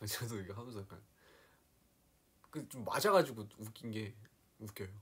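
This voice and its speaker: A young man hosting a casual live stream, his voice low-set and a little husky. He talks softly, often dropping to near-whispered asides, and now and then slips into playful impressions of regional speech. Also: expressive, moderate pace. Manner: soft-spoken, drops into quiet asides, playfully mimics regional dialects.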